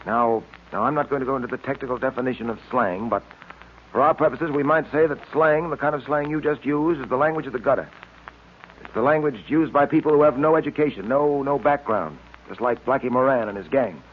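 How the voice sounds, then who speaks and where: A man's voice: medium pitch, brisk, slight background noise, close to an everyday voice. Man as earnest Dick Tracy, tinny old radio. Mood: earnest, fatherly. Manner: earnest, clipped, lecturing. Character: earnest, upright male police detective, firm and fatherly. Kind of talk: 1940s radio acting.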